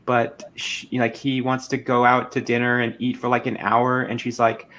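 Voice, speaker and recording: A man's voice: mid-range voice, completely flat delivery, normal speed, a bit bright. A man in casual group chat, rambling with frequent restarts. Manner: rambling, hesitant, many restarts.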